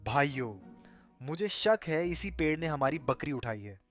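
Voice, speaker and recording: A man's voice: fairly high pitch, very animated, measured pace, faint music behind. A man doing a hot-headed suspicious cartoon brother. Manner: suspicious, shouts when angry.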